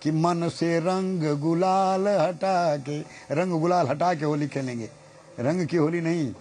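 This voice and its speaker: High-voiced man reciting verse. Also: slow, a little mellow. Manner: rhythmic, recites verse lines. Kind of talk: spoken storytelling.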